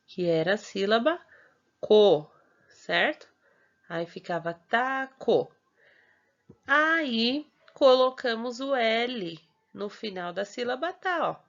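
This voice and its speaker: A woman teacher with a Brazilian Portuguese accent, patiently walking through a homework worksheet. She draws out syllables slowly and keeps checking in with short tags. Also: mid-range voice, fairly bright tone. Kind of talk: recorded homework explanation. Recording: dull lo-fi recording.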